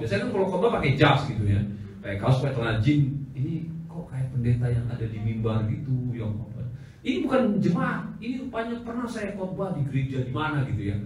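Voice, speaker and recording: A male pastor telling stories during a church seminar, acting out the dialogue with animated delivery and frequent laughter. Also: a little high, far from the mic, a little hiss or hum. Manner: animated storyteller who acts out dialogue and laughs. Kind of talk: anecdotal church seminar teaching. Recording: echoey hall recording from afar.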